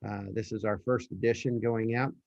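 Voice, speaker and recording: Man heard over a group video call, halting. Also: on the low side, flat delivery, gravelly, darkish tone, dry recording. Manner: halting, full of fillers and restarts. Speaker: real estate office leader running a team meeting. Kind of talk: presenting to his team in an online meeting. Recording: muffled, dry video-call audio.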